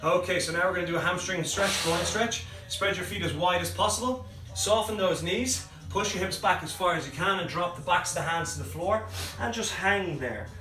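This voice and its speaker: A man with a fairly high voice leads a home workout with brisk, encouraging coaching cues. He sounds set back from the phone in a roomy space. Faint music plays behind him. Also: distant mic. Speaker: fitness coach. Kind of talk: live home workout instruction. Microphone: phone livestream from a distance.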